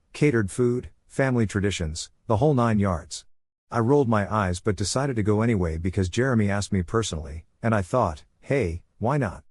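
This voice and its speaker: A man narrating a first-person story in a steady, even way with dry asides. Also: on the low side, no echo.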